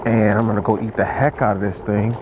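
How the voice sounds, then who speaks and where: A man's voice: lowish voice, level tone, fast, lo-fi sound. A man, a truck driver, talking casually and with slang to the camera outdoors at night. A clip mic under his clothing makes his voice jittery and warbly from noise reduction. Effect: jittery, warbling noise-reduction processing on the voice. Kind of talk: casual vlog talk to camera. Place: outdoors at night in an urban area, riding along. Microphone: wireless clip mic under two layers of clothing. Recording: noisy outdoor street sound.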